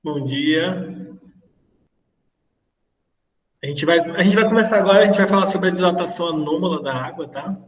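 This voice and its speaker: Brazilian male teacher, fairly high voice, relaxed and chatty, recorded from a distance with a cave-like echo filling an empty classroom. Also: normal speed, long pauses, muffled recording. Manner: relaxed, chatty explaining with asides. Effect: heavy cave-like echo. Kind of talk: casual livestreamed classroom lecture. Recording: echoey hall, voice far from the mic.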